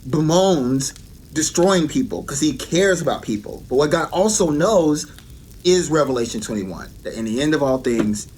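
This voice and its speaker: A man's voice: a little high, animated, moderate pace, a little mellow, slight background noise. A man giving an earnest devotional teaching and often repeating his key points for emphasis.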